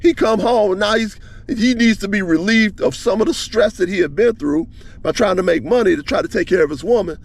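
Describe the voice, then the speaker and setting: Male advice vlogger, casual monologue, gravelly voice, animated storytelling full of restarts. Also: high-pitched. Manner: animated retelling, many restarts, speeds up and slows down.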